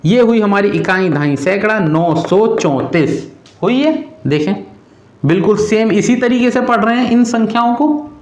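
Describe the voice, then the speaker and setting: A man's voice: sits high, animated, a little slow, darkish tone, echoey room. A male teacher who explains a math lesson to children patiently, repeating each step and calling the students "beta".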